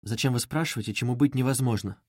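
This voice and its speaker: A man's voice: on the high side, a little fast, a little mellow, no echo, pitched above the performer's own voice, close to an everyday voice. A man voicing a timid, anxious young woman who pleads in a pained tone, read as an audiobook in a dry studio. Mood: anguished. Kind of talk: audiobook reading.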